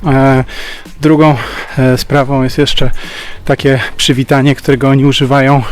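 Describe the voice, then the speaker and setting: A man's voice: mid-range voice, little pitch movement, moderate pace. A man talking casually in a travel vlog, chatty and explanatory, recorded outdoors at a campsite. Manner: chatty and explanatory, with thinking-aloud fillers. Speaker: travel vlogger.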